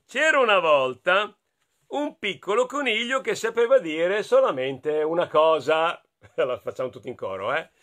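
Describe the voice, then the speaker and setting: A man from Italy reading a picture book aloud to children, playful and animated, inviting them to join in. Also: sits high, moderate pace. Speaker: children's storyteller.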